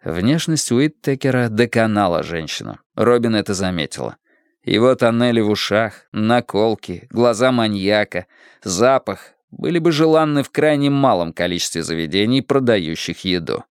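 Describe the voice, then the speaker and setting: A man narrating an audiobook in an expressive reading voice. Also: lowish voice, normal speed, clean tone, dry recording, studio quality.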